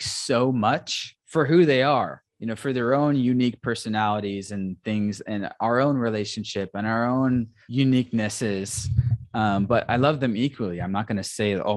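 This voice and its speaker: A man's voice: medium pitch, normal speed, dry recording. A man as a guest in a casual interview, talking in an enthusiastic, rambling way full of "like" and "um".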